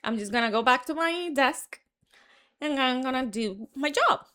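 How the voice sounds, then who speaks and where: High, expressive, pushed and bright, this young woman's voice moves at a moderate pace as she tells her story. She is a marketing entrepreneur from the Dominican Republic with a Dominican Spanish accent, speaking frankly and chattily with lots of fillers and restarts.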